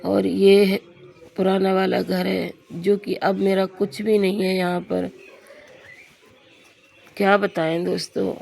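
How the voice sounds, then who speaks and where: A young woman with a hoarse, sore throat, chatting confidingly to her viewers in a casual vlog. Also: mid-range voice, mellow. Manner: confiding, addresses viewers as friends. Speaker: vlogger. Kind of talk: casual everyday vlog narration.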